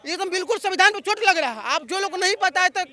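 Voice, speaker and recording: Man, very high piercing voice, bright and sharp, fiery street-interview rant, outdoors. Rhetorical and heated. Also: expressive, fast talker. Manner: fiery, rhetorical, chant-like slogans. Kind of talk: heated political vox pop.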